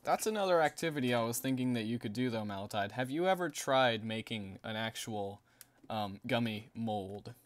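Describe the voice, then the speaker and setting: This gaming streamer's mid-range voice is expressive and moderately paced. He rambles in easy chat, laughs often, and reads his viewers' messages aloud.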